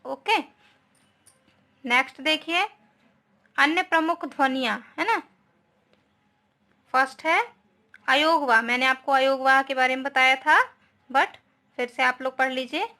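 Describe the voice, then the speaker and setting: A woman's voice: high voice, a little slow, long pauses, sharp tone. A woman teaching a grammar class to students, explaining patiently and often checking understanding with tag questions, mixing English words into her speech. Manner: mixes English words into Hindi. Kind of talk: online class lesson.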